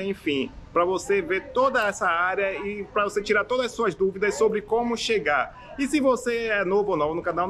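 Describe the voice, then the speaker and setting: Walking his viewers through an outdoor neighborhood on a hillside street by the sea, this Salvador-born vlogger chats easily and indicates sights along the way. He has a high, fairly bright voice and a Bahian Brazilian Portuguese accent.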